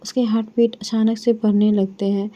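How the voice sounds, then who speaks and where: A woman's voice: medium pitch, level tone, normal speed, warm tone. A woman storyteller narrating a dramatic story in a simple, flowing tone. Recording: dull lo-fi recording.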